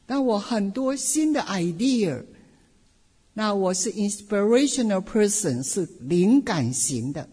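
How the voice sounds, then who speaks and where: A middle-aged woman pastor giving a personal testimony sermon, telling her story in an animated way with playful asides. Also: mid-range voice, slow, breathy edge. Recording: long hall reverb.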